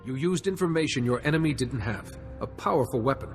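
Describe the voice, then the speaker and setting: An actor playing a calm, wise and dutiful Jedi in a video game, speaking formally and with measured care. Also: male voice, mid-range voice, music in the background, close to an everyday voice. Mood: stern, composed. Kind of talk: video game cutscene dialogue.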